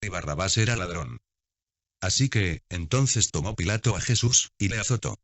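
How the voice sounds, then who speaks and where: A man reading scripture aloud in a measured, steady way, as scripted narration. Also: sits low, dry recording. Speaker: Bible reader. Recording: dull, dry lo-fi recording.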